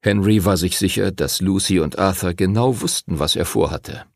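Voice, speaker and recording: A man narrating an audiobook in an expressive storytelling manner. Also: deep voice, moderate pace, vocal fry, dry recording, studio quality.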